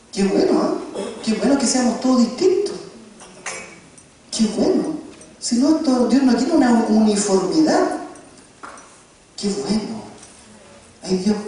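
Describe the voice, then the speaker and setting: A man's voice: high-pitched, a little hiss or hum. A man preaching a sermon, telling stories with jokes and questioning his listeners. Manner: animated, joking, asks the audience questions. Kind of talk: sermon storytelling. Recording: very echoey hall, distant mic.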